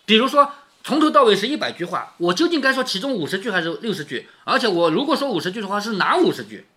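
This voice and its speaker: A man reads a classic novel aloud to his daughter in a high, sing-song, fast voice that is pushed, bright and slightly rough. He explains the story conversationally and asks her questions as he goes.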